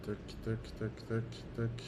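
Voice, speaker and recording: A man's voice: on the low side, completely flat delivery, slow pace, background noise. A man giving a tarot card reading in casual, hesitant speech full of fillers and restarts, encouraging his listeners. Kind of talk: casual spoken guidance.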